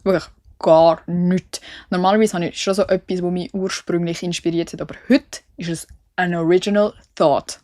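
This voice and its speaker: Chatty young Swiss woman, mellow voice. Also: on the low side, steady tone, moderate pace, dry recording, clean studio sound. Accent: Swiss German. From Switzerland. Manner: chatty and self-mocking, with English slang mixed in. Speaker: podcast host. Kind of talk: casual solo podcast chat.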